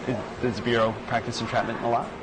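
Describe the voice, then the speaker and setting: A man's voice: medium pitch, level tone, fast talker, a loud crowd, rough recording. A man casually asking probing questions as an undercover interviewer, recorded on a hidden mic outdoors. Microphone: concealed body mic. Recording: hidden mic, loud outdoor street noise.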